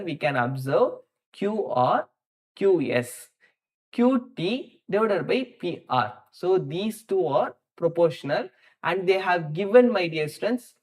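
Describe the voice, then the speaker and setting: A man with an Indian accent teaching a live maths lesson, thinking out loud as he works through problems step by step and addresses students directly, often repeating words for emphasis. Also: sits high. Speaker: maths teacher hosting a live online class.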